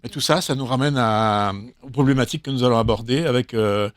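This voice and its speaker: Measured male talk-show host. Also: mid-range voice, no echo, clean studio sound. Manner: measured, with many fillers.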